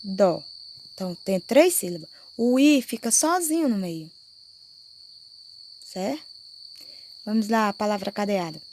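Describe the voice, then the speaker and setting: Slow, patient Brazilian woman teacher. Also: mid-range voice, expressive, a little mellow, slight background noise. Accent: Brazilian Portuguese. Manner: slow, explanatory, checks understanding with "né?" and "certo?". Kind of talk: recorded class lesson.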